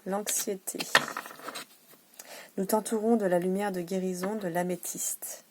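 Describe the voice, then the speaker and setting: A woman working as a wellness coach, speaking casually and encouragingly, with hesitant restarts, sometimes dropping to a soft hush to guide breathing exercises. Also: mid-range voice, fairly even intonation, a little slow, slight background noise. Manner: drops to a soft hush while guiding breathing. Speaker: wellness coach offering private sessions and massages. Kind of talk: casual self-help talk with guided breathing.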